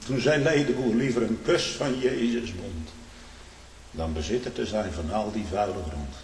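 Fervent preacher in an echoey hall. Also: male voice, fairly low pitch, moderate pace, far from the mic. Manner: fervent, rising to loud exclamations, with frequent "hè?" and "hm?" tags. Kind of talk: sermon. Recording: echoey hall with faint hiss.

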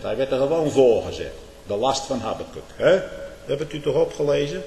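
A man preaching a fiery sermon, dropping to low mutters and then rising to shouts, often asking his listeners "hm?". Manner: asks "hè?" and "hm?" to the listeners. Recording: echoey hall with long reverb.

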